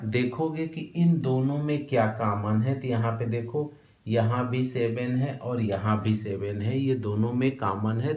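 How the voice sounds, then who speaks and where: A man's voice: mid-range voice, a little mellow. An Indian man teaching a maths lesson, dictating notes word by word and asking questions he answers himself. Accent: Hindi, from India. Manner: slow dictation, repeating words one by one; asks questions then answers them himself. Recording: echoey room, faint background noise.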